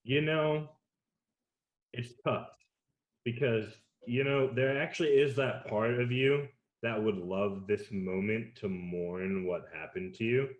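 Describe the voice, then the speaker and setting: A man narrating as game master of a tabletop role-playing game, calm and dramatic. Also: medium pitch, slow, highs cut off. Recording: roomy echo.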